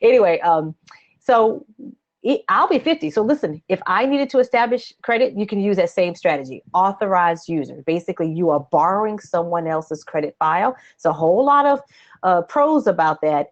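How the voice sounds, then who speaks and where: A credit coach in her late forties hosts a live advice webcast from a small home office, answering questions in a chatty, animated, conversational way. Her pitch is fairly low and her pace moderate, captured through dull lo-fi webcam audio.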